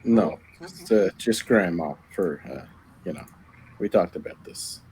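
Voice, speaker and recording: Brief: deep-voiced male tabletop player, hesitant and rambling. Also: expressive, unhurried, darkish tone, a little hiss or hum, low-quality recording. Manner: hesitant, full of fillers. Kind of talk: playing a tabletop game.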